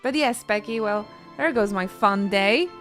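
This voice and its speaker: A woman's voice: mid-range voice, a little slow, a bit bright, soft background music. A woman from Poland, chatting casually with her stream in a joking, self-mocking way. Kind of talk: casual chat with chat readers.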